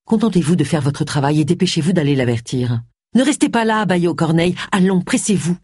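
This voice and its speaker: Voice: medium pitch, big pitch swings, moderate pace, a little mellow, husky, no echo. A reader voicing a haughty, commanding young male detective in an audiobook, recorded dry and close.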